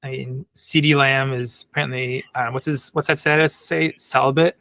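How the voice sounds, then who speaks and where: A man's voice: mid-range voice, fairly even intonation, normal speed, gravelly, sharp tone, no echo. A man appearing as a guest on a sports podcast, talking loosely and hedging with fillers. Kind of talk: casual chat.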